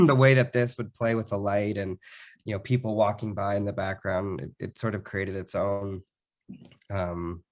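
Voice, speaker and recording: A man giving a slide presentation about a public art program, his voice sick, talking haltingly with frequent ums and restarts. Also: fairly low pitch.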